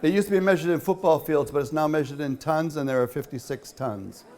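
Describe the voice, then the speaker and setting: A man gives a loose, chatty talk at a quilt show and fields questions from the audience. His voice sits a little high for a man, and he fills his pauses with plenty of uh's as he wanders between stories. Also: darkish tone. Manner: chatty, rambling, many fillers. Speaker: featured speaker at a quilt show. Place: hall.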